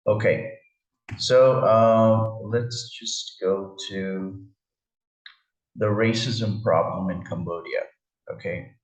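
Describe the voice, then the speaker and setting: Low-voiced man narrating a slideshow. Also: recorded from a distance. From India. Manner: hesitant, many fillers. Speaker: travel vlogger. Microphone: voice-over, face not shown. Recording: roomy, dull lo-fi sound.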